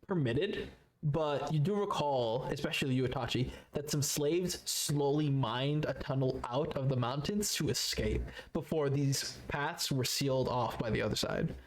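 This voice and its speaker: A man's voice: medium pitch, measured pace. A man narrating a tabletop game as game master, casual and laughing.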